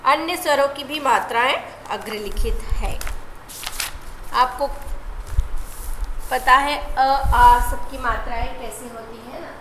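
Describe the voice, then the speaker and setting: A woman's voice: high voice, slow pace, pauses often. A woman teacher giving an online class lesson, explaining patiently and often checking in with short tag questions. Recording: echoey room with steady background noise.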